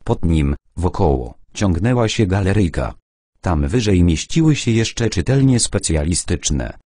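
A man narrating an audiobook in an expressive storytelling manner. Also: deep voice, measured pace, no echo, studio quality.

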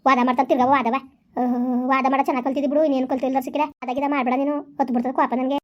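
A woman's voice: high-pitched, level tone, rapid-fire, highs cut off, lightly acted. A woman playing a stern village mother in a family skit, scolding her son bluntly and bossily.

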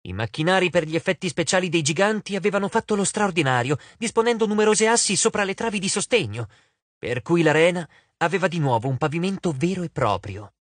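A man narrating an audiobook with expressive storytelling. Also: sits high, fast talker, dry recording.

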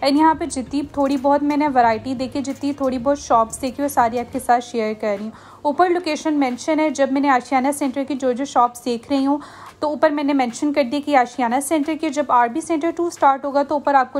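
A woman's voice: sits high, fairly even intonation, a little fast, darkish tone. A woman, chatting to viewers in a casual shopping vlog voice-over. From Pakistan. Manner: chatty, friendly, addresses viewers directly. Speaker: shopping vlogger.

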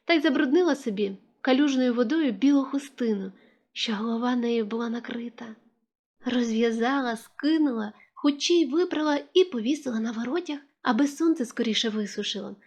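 Woman narrating a children's story, gently. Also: fairly high pitch. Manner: gentle, expressive storytelling, slowing and softening for tender moments.

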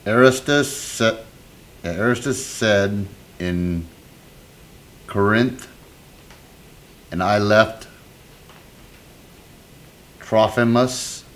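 Deep-voiced man reading very slowly. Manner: halting reading, stumbles on names. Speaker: class member reading scripture. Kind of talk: reading aloud in class.

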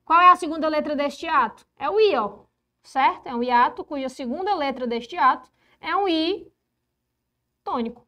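A woman with a high voice leads an online grammar class, walking students through spelling rules patiently. She drags out the important words and checks in with quick "certo?" asides. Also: sharp tone. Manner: explanatory, repeats key rules slowly, frequent "ó" and "show?". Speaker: teacher. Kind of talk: online exam-prep grammar lesson.

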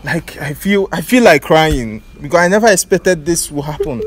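A man's voice: a little high, expressive, moderate pace, a little hiss or hum. A man hosting a blind date, speaking earnestly and stammering at the starts of sentences. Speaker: host of a blind date show. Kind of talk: unscripted hosting.

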